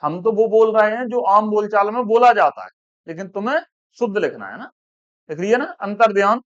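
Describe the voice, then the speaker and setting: Indian guy teaching, high voice, says each word twice slow for dictation, muffled dry sound. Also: lively intonation, dry recording. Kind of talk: classroom dictation. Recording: dull, dry classroom recording.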